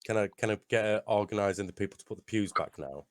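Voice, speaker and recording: Bloke playing tabletop rpg, lowish voice, no room echo, casual, half acting out his character. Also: quick pace, clean studio sound. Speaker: tabletop game player. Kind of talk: casual in-game chat with some play-acting.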